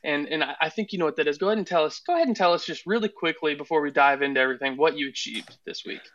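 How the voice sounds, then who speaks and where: A man's voice: on the high side, racing, a bit bright. A man hosting a casual podcast interview, restarting words often and hyping up his guest. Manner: stammering restarts, hype, swears casually. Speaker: podcast host. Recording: dull lo-fi podcast audio.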